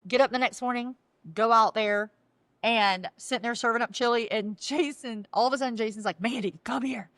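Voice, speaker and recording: A woman's voice: a little high, brisk, smooth, no echo. A woman sharing her personal story in a casual podcast chat, acting out the voices of the people in it. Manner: animated, acts out dialogue with quoted voices. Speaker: guest sharing testimony.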